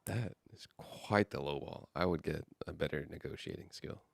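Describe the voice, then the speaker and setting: A man co-hosting a podcast in casual chat, making dry, deadpan quips. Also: very deep voice, normal speed, creaky, dry recording. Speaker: podcast co-host.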